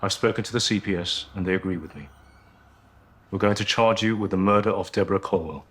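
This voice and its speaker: An actor playing a stern detective formally charging a suspect with murder. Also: male voice, low voice, fast talker, a bit bright, a little hiss or hum.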